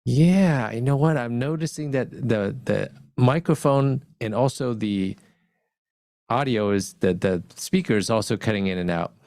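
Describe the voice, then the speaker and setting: A man in casual technical chat as a urology co-host, pausing often with "uh", over a crackling microphone that cuts in and out. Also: mid-range voice, darkish tone, dry recording, studio quality. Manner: halting, with many "uh" pauses. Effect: crackling microphone cutting in and out.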